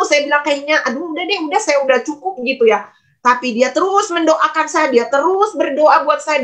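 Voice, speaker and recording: A woman's voice: high voice, pushed and bright. A woman pastor giving a testimony sermon in a conversational storytelling manner, often addressing the congregation directly.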